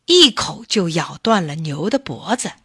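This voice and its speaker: A woman reading a children's story aloud in clear, expressive storybook narration. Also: lowish voice, a little slow, dry recording, studio quality.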